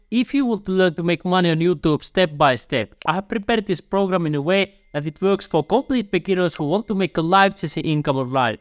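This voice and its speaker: Calling the viewer "my friend," a Finnish-accented YouTube coach speaks directly to camera with sincere, step-by-step guidance. His voice is on the high side, and the audio is clean studio sound with no echo.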